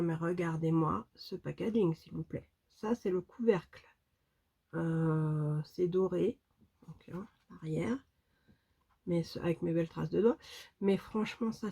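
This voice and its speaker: A woman's voice: fairly low pitch, mellow, slightly rough. A woman beauty vlogger chatting casually and enthusiastically to her viewers about makeup, with lots of fillers. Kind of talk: casual makeup vlog chat.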